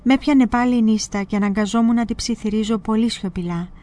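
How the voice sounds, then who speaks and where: A woman presenter reading a spiritual memoir aloud in a measured, expressive way. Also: on the high side.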